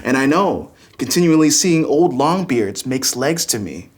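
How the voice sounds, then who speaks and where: An actor playing a domineering, scheming young gentleman suitor in arch, pompous Restoration-comedy style. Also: mid-range voice, expressive, unhurried. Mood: pompous, gloating. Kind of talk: Restoration-comedy stage acting, arch period dialogue.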